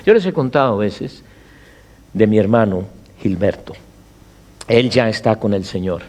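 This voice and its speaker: Animated middle-aged preacher man. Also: fairly low pitch, measured pace. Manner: animated preaching with rhetorical questions to the congregation. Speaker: pastor. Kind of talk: Spanish-language sermon.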